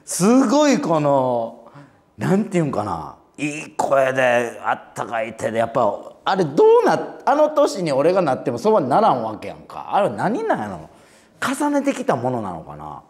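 A man in his forties with a Kansai accent, a comedian hosting a talk show and telling a lively story with laughs. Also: medium pitch, moderate pace. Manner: animated, laughing anecdote-telling. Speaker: comedian host.

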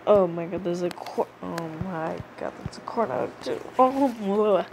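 In a lowish voice with vocal fry, a young woman hosting a gaming channel offers unhurried, playful commentary during gameplay, chatting casually and sometimes chanting sing-song. The background is noisy.

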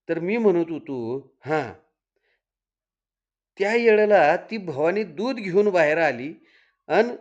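A man's voice: a little high, darkish tone, muffled recording. A storyteller reading aloud, voicing a cocky young village man who grumbles in rural dialect. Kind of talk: dramatic Marathi story reading.

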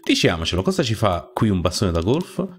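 Let's play host, low voice, dry sarcastic jokes, faint game music behind. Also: male voice, very animated, a little fast. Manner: sarcastic, joking. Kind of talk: gameplay commentary reading all the lines.

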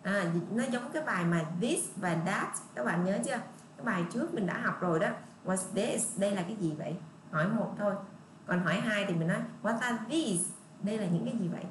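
Patient Southern Vietnamese woman teaching English. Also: medium pitch. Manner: patient, repetitive, drawn-out model readings. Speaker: English teacher for young children. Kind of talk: online lesson explaining English pronunciation. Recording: echoey room with faint ambient noise.

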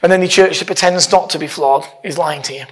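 In a slightly rough voice on the high side, a male pastor talks fast through an informal, conversational sermon. He stands at a lectern on a church hall stage, partly reading aloud and placing emphatic stresses.

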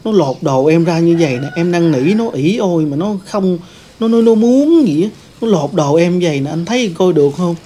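A man puts on a scheming stepmother, her voice pushed high and loud. She pleads and accuses in a shrill rush. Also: animated, normal speed. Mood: shrill accusing.

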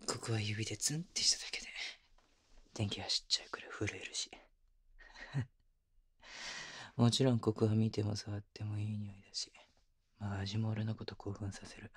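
A man acts out a young boyfriend in an intimate audio drama, a whispered role-play of pillow talk. His voice is very breathy and husky, murmured close to the ear in a dry recording. He sounds adoring and teasing, with casual phrasing. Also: on the low side, flat delivery, moderate pace, long pauses, dry recording. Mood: adoring, sensual. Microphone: close binaural microphone.

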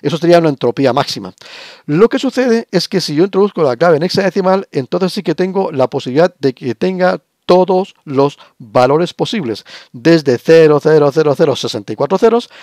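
A man's voice: on the high side, animated, a little fast, darkish tone, no room sound, clean studio sound. Man teaching over screen share. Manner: explanatory, frequent rhetorical checks. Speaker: lecturer. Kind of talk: recorded screen-share lesson.

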